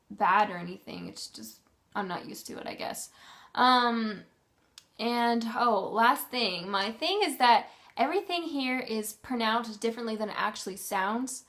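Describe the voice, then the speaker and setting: A woman's voice: on the high side, a little slow, fairly bright tone. A woman from Canada with a Canadian accent, chatting casually in a vlog, rambling and filling gaps with "um" and "like.". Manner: rambling, full of "um" and "like", loses her thread. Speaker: vlogger.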